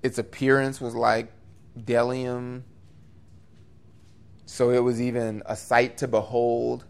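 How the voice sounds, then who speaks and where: A man's voice: medium pitch, takes it slowly, vocal fry. Earnest conversational male preacher. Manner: earnest, conversational, with lively rises and asides. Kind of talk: expository sermon.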